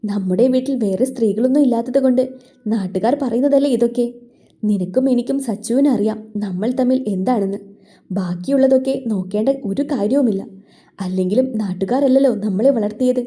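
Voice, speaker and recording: A woman voicing a gentle, caring elder brother and husband who speaks softly and soothingly. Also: very high-pitched, brisk. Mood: earnest.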